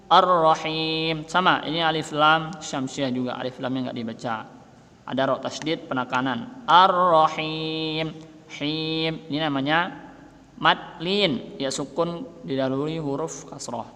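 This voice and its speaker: A man teaching Quran recitation rules, explaining patiently and chanting the verses slowly and melodically. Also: a little high, pushed and bright, long reverb tail. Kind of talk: tajwid lesson with chanted recitation.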